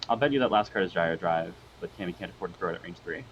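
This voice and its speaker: Quick talking guy breaking down card game plays, kinda low voice, muffled lo-fi internet audio. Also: slight background noise. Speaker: co-caster. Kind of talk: casual game commentary. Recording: dull lo-fi sound from a weak connection.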